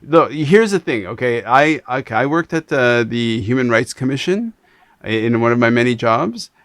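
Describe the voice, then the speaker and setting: A man from Canada hosting an interview, talking in an animated, rambling way with many restarts. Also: medium pitch, normal speed, no echo. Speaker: podcast host. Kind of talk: casual interview chat.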